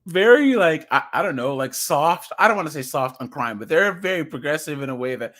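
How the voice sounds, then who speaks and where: Young guy streamer, slightly high voice, rambly and giggly, trips over words. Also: lively intonation, brisk, noisy background. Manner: chatty, laughs often, stumbles and restarts words. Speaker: streamer reacting to an article. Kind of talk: casual reaction commentary.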